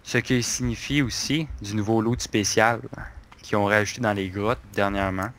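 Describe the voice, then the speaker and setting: A man's voice: on the low side, steady tone, normal speed, a bit bright, slight background noise. A man, casually chatting and joking while playing a game. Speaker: gamer co-host. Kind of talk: casual gameplay chat.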